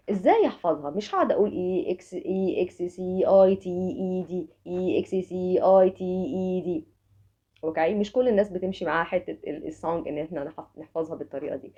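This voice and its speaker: Egyptian woman teaching english vocab, breaks words into syllables and repeats them, very animated voice, kinda muffled recording. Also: fairly low pitch, breathy edge. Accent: Egyptian Arabic. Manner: drills words syllable by syllable, repeating each one slowly; addresses the viewer directly in Arabic mixed with English terms. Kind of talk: online vocabulary lesson.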